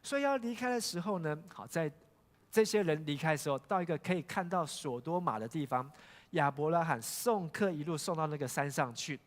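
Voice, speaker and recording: Pastor guy, kinda high voice, telling a story to the church, big echoey hall. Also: animated, fairly quick. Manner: storytelling, asks the congregation questions, frequent "hao" fillers. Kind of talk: sermon. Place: church sanctuary. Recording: long church hall reverb.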